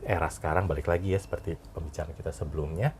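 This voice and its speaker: A middle-aged man, a batik designer, talking casually as a podcast guest, relaxed and given to lively, laughing anecdotes. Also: extremely low pitch, rapid-fire, slight background noise. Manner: relaxed storyteller who gets animated and laughs while telling anecdotes.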